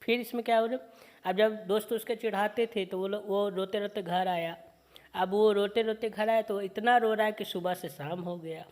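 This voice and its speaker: A woman's voice: medium pitch, fairly even intonation, darkish tone. A woman teacher explaining a children's poem to young pupils. She keeps asking questions and answering them herself, and mixes in short English phrases. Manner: reads verses slowly and sing-song, then explains with repeated questions. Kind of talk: online class lesson explaining a poem.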